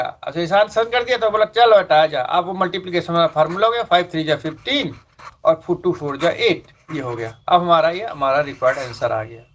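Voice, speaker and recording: High-voiced male math teacher, lo-fi. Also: a bit bright. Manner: explains step by step, repeats points, mixes English terms. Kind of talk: classroom lecture at a board. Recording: dull lo-fi sound.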